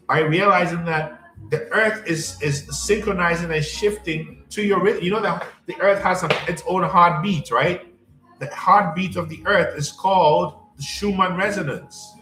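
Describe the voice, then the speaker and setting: A man coaching a live audience in a slow, emphatic spiritual pep talk, repeating himself often and checking in with "you understand?". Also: high-pitched, a bit bright. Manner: repetitive, keeps asking "you understand?" and greets viewers by name. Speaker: life coach hosting a livestream. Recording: echoey room with faint music.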